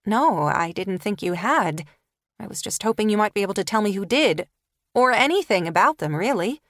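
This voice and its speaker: A woman's voice: medium pitch, animated, normal speed, dry recording, clean studio sound, natural voice. A woman narrator voicing an eager, flustered young woman book dealer in an audiobook. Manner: eager, breathless.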